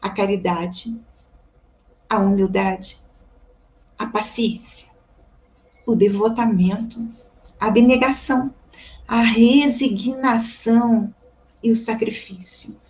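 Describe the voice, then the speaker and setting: A woman with a Brazilian accent giving a devotional Spiritist reflection, calm and reflective, often asking her listeners questions. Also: a little high, slow pace, pauses often. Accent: Brazilian Portuguese. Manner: calm, reflective, asks the audience rhetorical questions; addresses listeners warmly as "gente". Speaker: Spiritist lecturer.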